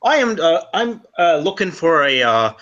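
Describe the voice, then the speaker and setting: A man's voice: fairly high pitch, sing-song, normal speed, pushed and bright, lo-fi sound. A man voicing a rambling, flowery male adventurer in an improvised tabletop role-play, with an attempted Irish accent. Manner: rambling, flowery, stumbling over words.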